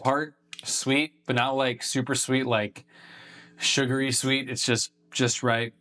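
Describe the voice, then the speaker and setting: A man's voice: mid-range voice, flat delivery, takes it slowly, pushed and bright. A man hosting a casual beer-tasting review video, talking in a laid-back, profane, slangy way.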